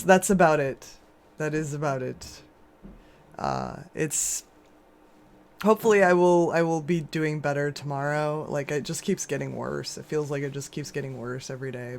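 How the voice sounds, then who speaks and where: A sore throat has left this woman's voice lower, rougher, and scratchier than usual as she streams a game and talks with viewers. Her chatter wanders, with plenty of laughter and false starts.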